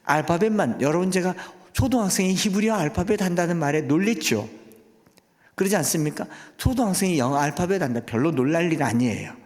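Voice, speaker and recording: A man's voice: on the high side, expressive, fairly quick, a little mellow. A male guest pastor preaching a sermon in a church, pressing his congregation with rhetorical questions. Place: church sanctuary. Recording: long church hall reverb.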